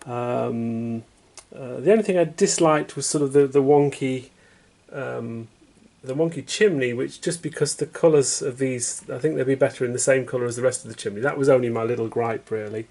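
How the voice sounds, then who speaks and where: A man's voice: medium pitch, gravelly, a little mellow. Chatty British man reviewing a toy set. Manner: chatty, unhurried, self-deprecating. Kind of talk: casual product review. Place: home, at a tabletop.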